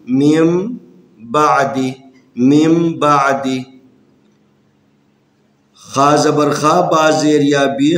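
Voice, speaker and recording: A man with a Pakistani Urdu accent, teaching Quran reading in a slow lesson where he spells out letters and vowel marks one by one. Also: a little high, roomy sound.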